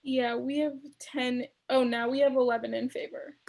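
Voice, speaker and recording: A woman's voice: high voice, fairly even intonation, moderate pace, creaky, a little mellow. A woman reporting a vote count over a video call, her voice distant and breaking up on a patchy connection. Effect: voice breaking up over a patchy online call connection. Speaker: student government director reading a vote count.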